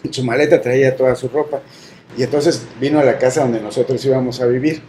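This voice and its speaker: A middle-aged man from Mexico, telling a personal faith story in an earnest, halting way. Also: mid-range voice, fairly even intonation, dark tone, slight background noise, rough recording. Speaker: guest sharing testimony.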